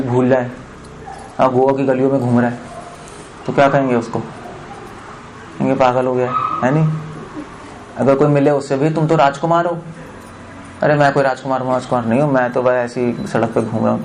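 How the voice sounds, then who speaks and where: A man's voice: mid-range voice, a little mellow, a little hiss or hum, rough recording. A man preaching a spiritual discourse, explaining scripture verses, chanting Sanskrit lines and putting questions to his audience, with English words mixed into his Hindi.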